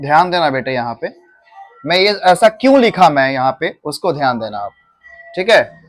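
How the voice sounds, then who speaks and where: A man's voice: fairly high pitch, very animated, moderate pace, faint music behind. A man teaching pronunciation to a class in a coaching classroom, asking questions and repeating them, calling the students "beta". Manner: repeats his own questions to drill the class.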